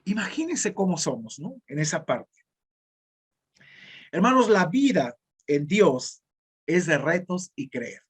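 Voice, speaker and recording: A man's voice: sits high, big pitch swings, takes it slowly, pauses often, slightly rough. A man preaching a sermon as pastor in northern Mexican Spanish, talking directly and conversationally to the congregation.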